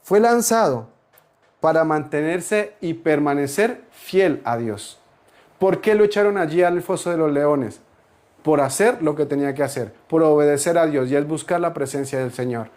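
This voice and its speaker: A man delivers a sermon in a fairly high voice. He hammers home repeated phrases, lifting to emphatic peaks as he preaches. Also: animated, normal speed, darkish tone. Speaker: pastor.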